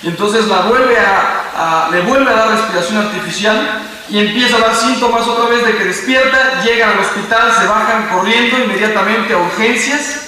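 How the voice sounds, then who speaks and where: A Mexican man in his fifties preaches from a distance in a big, echoey hall, and faint ambience hangs behind him. His voice sits high and bright, and he tells the story dramatically, rising to loud cries and falling to near hushes. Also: moderate pace, a little hiss or hum. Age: 50s. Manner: storytelling, dramatic swings into loud exclamations then hushed drops. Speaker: priest. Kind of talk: sermon.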